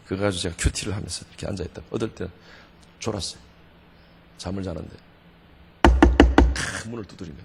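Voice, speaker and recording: A middle-aged Korean pastor telling a personal testimony in a revival sermon, animated, swinging between loud outbursts and quiet asides. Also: male voice, deep voice, vocal fry, slight background noise. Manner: storytelling, animated, with sudden shouts and quiet asides. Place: church sanctuary. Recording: church hall with long reverb.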